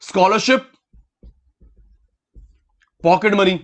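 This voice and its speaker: A man's voice: high voice, extremely slow. A man teaching an online class, calling on students by name, repeating key words and mixing English terms into his talk. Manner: mixes English terms into Hindi.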